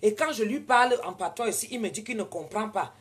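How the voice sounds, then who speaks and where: A woman with a Cameroonian French accent tells a story in casual talk, at a medium pitch. She is animated and swings into loud, indignant retorts. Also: a little fast. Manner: animated, switches into loud indignant retorts when quoting herself. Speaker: vlogger.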